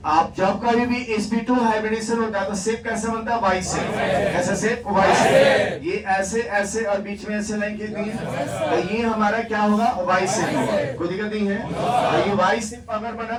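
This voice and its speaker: A man teaching a chemistry class in Hindi, asking the students questions and answering them himself, repeating key words for emphasis. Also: sits high. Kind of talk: classroom lecture. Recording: echoey classroom, distant mic, background noise.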